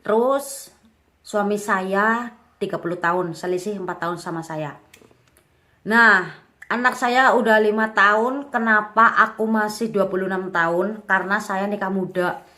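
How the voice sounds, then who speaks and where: A woman's voice: mid-range voice, a little slow, pushed and bright. Young mom in her 20s just chatting about her life, candid, rambly, lots of fillers. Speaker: young mother vlogger. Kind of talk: casual personal storytelling.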